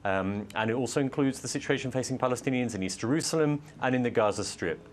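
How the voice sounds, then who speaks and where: A male author arguing his case as a debate guest, measured, with frequent hesitations. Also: medium pitch, a little hiss or hum. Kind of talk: studio debate.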